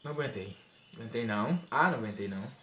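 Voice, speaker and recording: A man's voice: medium pitch, fast talker. A young man telling a comic personal anecdote, acting out scenes and laughing as he goes. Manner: animated, laughs through the story, acts out scenes. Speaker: storyteller vlogger. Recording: roomy echo, faint noise.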